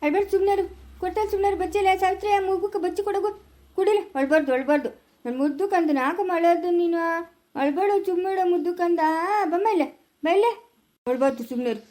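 A woman's voice: extremely high pitch, quick pace. A woman playing a defiant village son. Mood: soothing. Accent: rural Chikkaballapura Kannada. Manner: curt, dismissive, then soft cooing with a baby. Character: grown village son, defiant and sharp-tongued. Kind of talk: amateur family skit.

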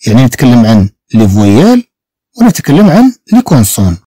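A man's voice: mid-range voice, huge pitch swings, mellow, no room sound. A man with a Moroccan Arabic accent giving a beginner French lesson, patiently repeating each sound for his students. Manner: patient, drills sounds by repeating them slowly. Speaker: French teacher.

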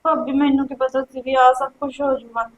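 A woman's voice: high-pitched, flat delivery, normal speed, highs cut off, close to an everyday voice. An actress playing a frightened young woman who pleads with her sister-in-law, with a Punjabi accent. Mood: pleading. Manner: pleading, defensive. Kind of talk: village web-series drama.

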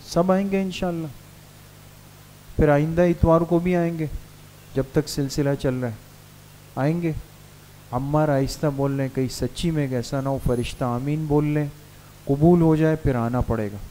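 A man's voice: fairly even intonation, moderate pace, pauses often, dark tone, a little hiss or hum. A man, a mufti giving a jovial sermon to madrasa students in a mosque. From Pakistan. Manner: jovial, asks students to raise hands, then leads recitations in a low murmur. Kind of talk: sermon and guided supplication.

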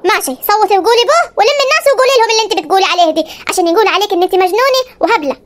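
A hot-headed young groom from a comedy cartoon, voiced by an actor. His voice is pitched very high and sharp, and he blusters at a sped-up, frantic pace. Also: lively intonation, racing. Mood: blustering.

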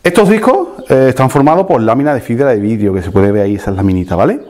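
A chatty man hosts a tool demonstration, talking quickly and checking in with his viewers. His mid-pitched voice swings up and down with lively emphasis. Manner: animated, chatty, addresses viewers directly with frequent tag questions. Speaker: DIY tool channel host. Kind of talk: casual tool demonstration to camera.

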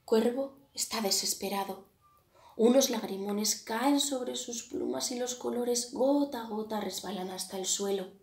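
A woman from Spain reading a children's picture book aloud in a lively, dramatic way. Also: a little high, unhurried. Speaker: storyteller. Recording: echoey room.

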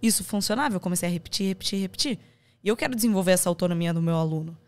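A woman's voice: on the low side, very fast. A woman with a Brazilian accent, speaking as a podcast guest about her courses and acting out the advice she quotes. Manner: animated, acts out quoted advice. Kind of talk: conversational interview.

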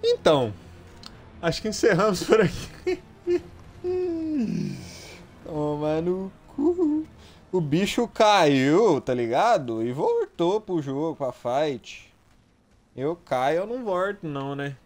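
A young man with a Brazilian Portuguese accent giving live gameplay commentary, excitable, swearing often and yelling at enemies. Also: a little high, unhurried. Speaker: gaming streamer.

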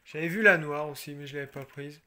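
A man from France casually showing his toy car collection, chatty and relaxed, with frequent fillers and restarts. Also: fairly high pitch, fairly quick. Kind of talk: casual show-and-tell.

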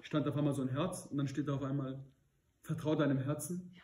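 A man's voice: mid-range voice, level tone, quick pace, dark tone. A man preaching at a Bible study, earnest and questioning his listeners, rising to emphatic peaks. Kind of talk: sermon. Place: church hall. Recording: echoey room.

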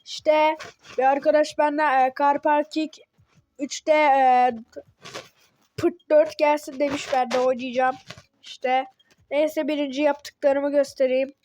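A woman giving casual gameplay commentary as a channel host, excitable and talking back to the game when things go wrong. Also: sits high, takes it slowly. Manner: excitable, talks to the game, grumbles and yelps at mistakes.

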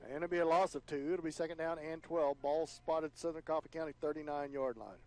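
A man calling high school football play-by-play on the radio, his voice climbing higher and louder on big plays. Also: fairly even intonation, a little fast. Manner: rises in pitch and volume on big plays. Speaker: play-by-play announcer.

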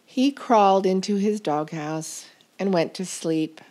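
A woman reads a children's story aloud in a deliberate, expressive storytelling style, her voice sitting in the mid-range.

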